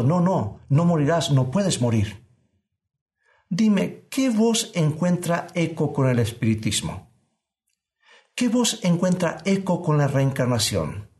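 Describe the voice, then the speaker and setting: A man preaching a sermon, speaking earnestly to his listeners, asking them questions and reading scripture slowly and deliberately. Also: on the high side, darkish tone.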